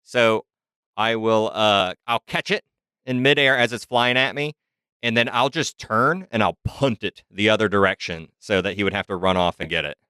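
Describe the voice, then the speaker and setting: A chatty man playing a tabletop game who keeps correcting himself. His voice is bright and smooth, with a low-ish pitch, recorded close and dry. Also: normal speed, no echo. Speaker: player.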